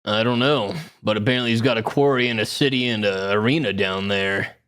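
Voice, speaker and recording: A man's voice: lowish voice, fairly even intonation, brisk, a bit bright, clear, resonant tone, voice pushed down, close to an everyday voice. A man playing a grandiose adventurer who introduces himself with long theatrical titles, in a tabletop game. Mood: pompous. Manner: pompous, theatrical self-introductions.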